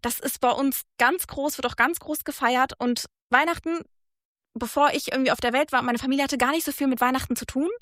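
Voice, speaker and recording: A woman born and raised in Germany appears as a guest in a casual conversation, speaking earnestly and reflectively in long, thoughtful runs. Her voice sits high, is steady and a bit bright, and moves fairly quickly, recorded clean in a studio with no echo.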